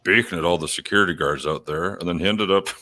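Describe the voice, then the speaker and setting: A man's voice: deep voice, fast talker, pushed and bright. A man hosting an online radio show, telling a casual story and swearing freely. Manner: swears a lot, laid-back storytelling. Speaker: podcast host. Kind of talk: casual chat.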